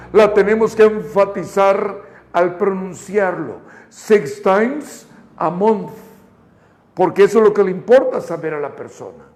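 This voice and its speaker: High-voiced Mexican teacher, very slow delivery. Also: male voice, a little mellow. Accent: Mexican Spanish. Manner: coaching students through drills, counting them in; stretches English model phrases slowly. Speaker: English teacher. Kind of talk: live online English class.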